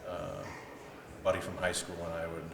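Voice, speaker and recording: Crowd noise surrounds this low-pitched young man, a South African footballer speaking at normal speed with a completely flat delivery. Relaxed as an interview guest, he leans heavily on "like" and "you know," captured by a distant mic in an echoey, noisy room.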